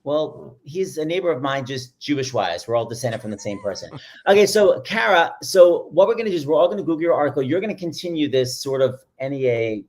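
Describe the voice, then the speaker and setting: Host: man, campy banter, quick jokes. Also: on the high side, animated, a little mellow. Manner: campy, joking. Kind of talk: casual chat.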